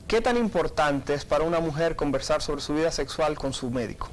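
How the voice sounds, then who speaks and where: A man's voice: fairly high pitch, expressive, a little fast, a little hiss or hum. A man hosting a radio call-in health show, politely putting listener questions to a doctor. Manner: polite, apologetic about line problems. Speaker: radio talk show host.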